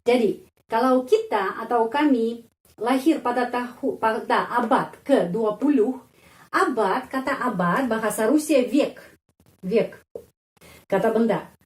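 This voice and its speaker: A woman teaching a language lesson in a slow, unhurried voice that sits a little high. She repeats each example word several times with careful, drawn-out pronunciation. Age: adult.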